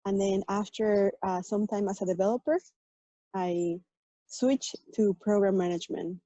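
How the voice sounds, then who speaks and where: Woman, Mexican Spanish accent, mellow dark voice, dry dull lo-fi call audio, earnest explainer. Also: medium pitch, steady tone, moderate pace, dry recording. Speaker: tech panelist, program manager. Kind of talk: panel self-introduction, explaining her work.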